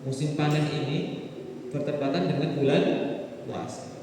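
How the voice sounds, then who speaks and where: A man's voice: fairly high pitch, little pitch movement, normal speed, mellow, slight background noise. A man with a Javanese accent preaching a mosque sermon in a conversational way, often asking the audience questions. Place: mosque hall. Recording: echoey hall from far off.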